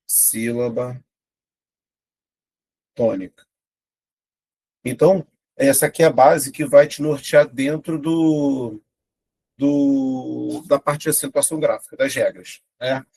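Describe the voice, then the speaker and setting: A young adult man with a Brazilian Portuguese accent, teaching an online exam-prep grammar lesson and talking straight to his students. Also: mid-range voice. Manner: lively, talks to students directly with frequent "né?".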